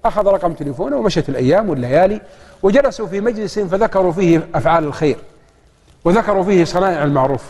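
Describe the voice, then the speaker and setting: A man with a Saudi accent delivers a storytelling sermon at a very fast clip, briefly taking on the voices of the people in his story. His voice sits high for a man. The recording carries the long reverb of a large hall. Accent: Saudi Arabic. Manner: lively storytelling that acts out the dialogue. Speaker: preacher.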